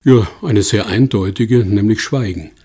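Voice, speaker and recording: A man's voice: on the low side, measured pace, warm tone, breathy edge. A man interviewed as an expert guest, explaining at length in a thoughtful, conversational way.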